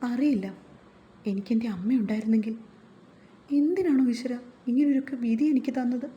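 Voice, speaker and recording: A woman's voice: fairly high pitch, normal speed, mellow, lo-fi sound, lightly acted. A woman voicing an anxious, plaintive pregnant young wife in a read-aloud story. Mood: worried. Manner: worried, plaintive.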